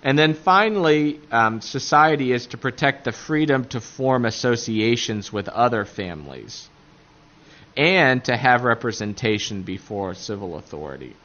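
A man with an Appalachian accent giving a religious lecture point by point, haltingly searching for words. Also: mid-range voice, lively intonation, sharp tone, highs cut off. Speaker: catechism teacher.

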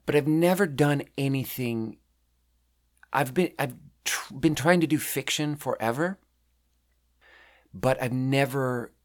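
A man in his thirties from Sweden, chatting casually as a podcast host, rambling and self-deprecating as he reads out his own writing. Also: medium pitch. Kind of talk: casual chat.

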